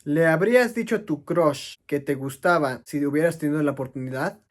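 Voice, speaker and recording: A man's voice: on the high side, brisk. A man teaching English grammar, explaining step by step and answering his own questions. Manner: explanatory, asks questions and answers them himself.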